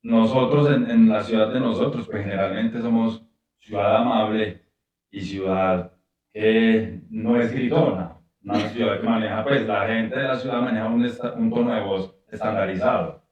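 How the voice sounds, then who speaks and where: A man with a Colombian accent, speaking in a measured, explanatory way. His voice is on the low side. The sound is very roomy and dull, with the mic far off. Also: fairly even intonation. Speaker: guest. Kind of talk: casual conversation.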